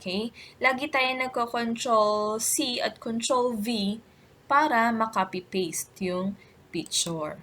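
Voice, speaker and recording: A woman with a Filipino accent presenting a step-by-step software tutorial in an instructional way, often adding short check-in tags. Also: on the high side, takes it slowly, slight background noise.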